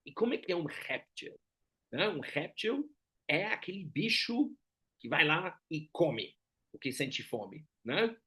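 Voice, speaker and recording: Man, German accent, somewhat higher-pitched voice, explanatory lecture, didactic, frequent check-in tags. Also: big pitch swings, slow pace, pushed and bright, breathy edge. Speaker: Enneagram teacher.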